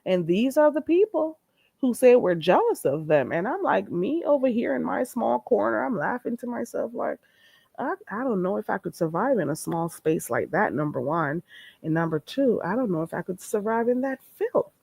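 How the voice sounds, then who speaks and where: A livestream host with a slightly stuffy nose trades blunt, profane gossip, greeting and thanking viewers mid-talk. Her medium-pitched voice is sing-song, gravelly, a little mellow, and slightly rough, at a moderate pace. The recording is dry.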